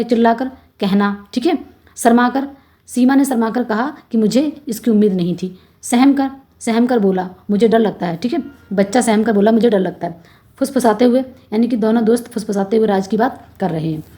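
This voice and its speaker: A woman's voice: fairly high pitch, warm tone. A woman teacher explaining a textbook lesson, asking questions and answering them herself and repeating key words. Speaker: Hindi teacher.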